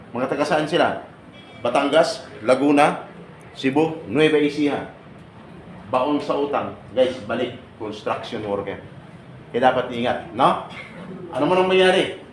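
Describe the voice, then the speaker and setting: Earnest man lecturing in an echoey hall. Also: fairly high pitch. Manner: earnest, rhetorical, keeps asking "no?" and "tama?". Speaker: OFW assistance advocate. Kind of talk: seminar talk to an audience. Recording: echoey room with faint background noise.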